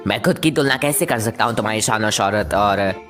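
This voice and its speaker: Woman doing a low-voiced, grumpy, scheming cartoon planet. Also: lively intonation, fairly quick, fairly bright tone. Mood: sly, mocking. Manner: sarcastic, dismissive, sly. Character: grumpy, scheming male planet Venus, sarcastic and petty. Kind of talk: animated comedy dialogue dub. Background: faint background music.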